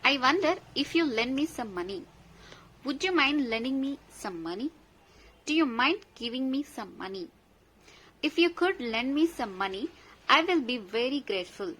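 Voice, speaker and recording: A woman teaching polite English phrases, reading each one slowly and then giving the translation quickly. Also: high voice, animated, fairly bright tone, rough recording. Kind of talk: slow phrase-by-phrase language lesson.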